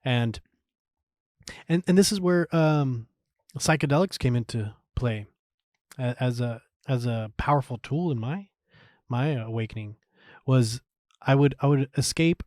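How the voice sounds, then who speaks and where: A man guest on a podcast, candidly telling his story with animated quoted asides, fillers and restarts, laughing as he goes. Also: mid-range voice, a little slow, pauses often, no echo, clean studio sound.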